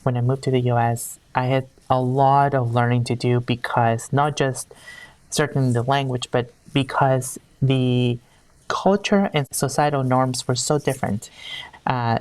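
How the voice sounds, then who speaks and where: In a conversational interview, an HR executive from Peru speaks with sincerity, repeatedly starting sentences over as she gropes for words. She has a very deep, darkish voice, recorded without any room sound.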